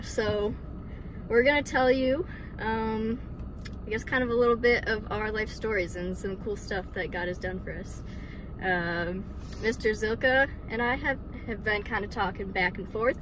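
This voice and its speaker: With a noisy background behind her, a twenty-something woman from Michigan talks at normal speed in a mid-range voice. Giggling frequently and saying um and like a lot, she casually shares her personal faith story as a vlogger.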